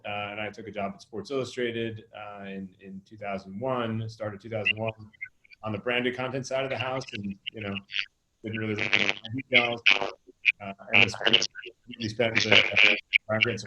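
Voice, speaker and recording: A low-voiced man in his forties comes through a conference call that drops out now and then, his voice bright and a little edgy. He sits in an echoey room and keeps a flat, level delivery. His talk is halting, full of fillers and restarts. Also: slight background noise. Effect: conference call audio, cutting out at times. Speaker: board member. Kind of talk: casual self-introduction on a conference call.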